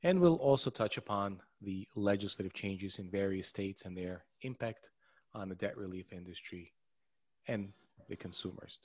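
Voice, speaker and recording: A man's voice: low-pitched, normal speed, a little mellow, husky, no room sound. A man moderating a webinar panel, upbeat and welcoming, with some fillers as he talks. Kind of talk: scripted-sounding webinar hosting.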